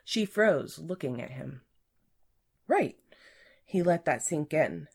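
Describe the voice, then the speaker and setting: A woman reads a story aloud as its narrator. Her voice sits low, and her telling is even and measured. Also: gravelly, slightly rough.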